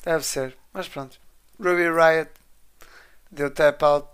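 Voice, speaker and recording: A man's voice: fairly high pitch, fairly even intonation, slow pace, fairly bright tone, smooth. A man with a European Portuguese accent co-hosting a casual live wrestling chat, using slang and English words. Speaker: wrestling show co-host.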